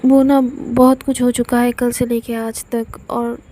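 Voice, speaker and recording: A woman's voice: on the high side, little pitch movement, measured pace, mellow. A woman storyteller voicing Samira, a nervous, flustered young woman who pleads and frets. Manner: frantic, pleading.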